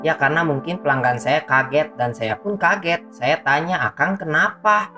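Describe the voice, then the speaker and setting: A man's voice: on the high side, moderate pace, bright, forceful tone. A young man with a Sundanese accent, a computer repair shop owner, earnestly recounting a personal story in a polite, slightly exasperated way. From Sundanese region of West Java. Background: faint guitar music.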